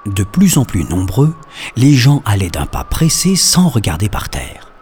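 A man narrating a children's story in an expressive, storytelling manner. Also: medium pitch, slightly rough.

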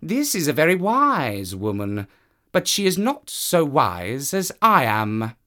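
A man's voice: fairly high pitch, wildly swooping pitch, slow pace, bright, forceful tone, voice pushed up, full character voice. A man voicing a proud, aloof male cat with a haughty, raised voice. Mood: smug.

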